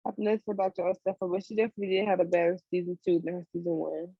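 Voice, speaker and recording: A woman co-hosting a casual chat, talking in lively slang as she gossips about a TV show. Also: fairly low pitch, very fast, breathy edge, dry recording, phone-quality sound. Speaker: co-host.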